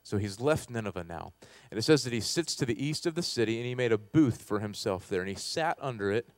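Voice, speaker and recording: A man's voice: lively intonation, fairly quick, no room sound. A man preaching a sermon as pastor, talking conversationally, often checking in with "right?" and swelling with passion at key moments. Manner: conversational, keeps asking "right?"; passionate, rises loud and high at times.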